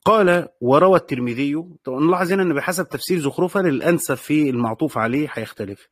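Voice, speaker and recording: A man with an Egyptian accent teaching a classical text, repeating key phrases, reading quotations slowly and checking with the class through short questions. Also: fairly high pitch, expressive, dry recording, studio quality. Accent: Egyptian Arabic. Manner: reads quoted passages slowly.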